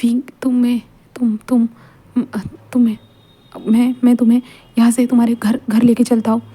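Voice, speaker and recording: A woman voicing a reserved young man who is flustered and unsure, speaking in a low-key, stammering way. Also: flat delivery, normal speed, warm tone, breathy edge.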